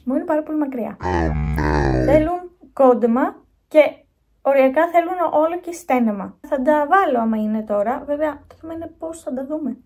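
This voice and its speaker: A young woman with a high, darkish-toned voice vlogs casually, holding her phone at arm's length. She talks directly to her viewers in a chatty, rambling way.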